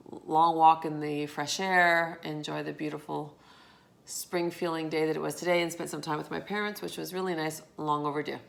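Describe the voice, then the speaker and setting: A woman speaks in a casual late-night vlog with a low, gravelly voice. She talks candidly and reflectively, sounding a little tired after a long day, with the occasional swear word. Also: a bit bright. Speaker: vlogger.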